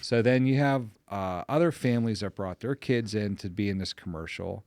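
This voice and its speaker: A middle-aged man from the Pittsburgh area telling family stories in a casual chat, animated when amused. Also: fairly low pitch, normal speed, no room sound. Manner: animated anecdote teller, voice jumps up when amused. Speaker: podcast guest.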